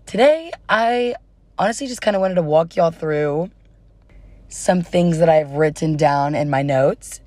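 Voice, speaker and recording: Her voice warm and on the low side, this young adult podcast host chats informally on her solo show, giggling and saying "y'all." It sounds slightly worn, like she's beginning to lose her voice, and the recording is dry.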